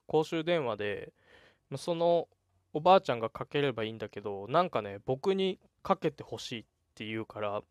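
A young man in his twenties casually telling a story on his solo talk show, animated and chatty, acting out the quoted lines. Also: medium pitch, no room sound, studio quality. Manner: chatty, animated retelling with laughs and voiced quotes. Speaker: podcast host.

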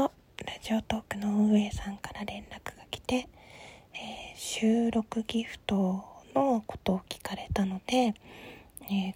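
A woman host whispering softly through a calm late-night solo talk, with many small fillers. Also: mid-range voice, slightly rough. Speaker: podcast host.

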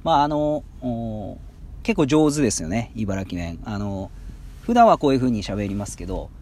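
A man from Ibaraki hosting his own podcast, chatting casually with lots of drawn-out fillers. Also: on the low side, big pitch swings, darkish tone. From Ibaraki, Japan. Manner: chatty, drawn-out fillers, acts out quoted rough dialect phrases. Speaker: podcast host. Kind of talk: casual solo talk explaining local dialect.

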